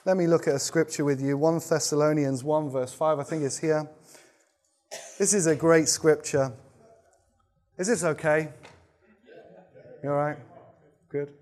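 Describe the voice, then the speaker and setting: A man preaching a sermon, sharing his testimony and praying, moving between loud emphatic bursts and quiet, intense moments. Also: a little high, steady tone, slow pace, pauses often.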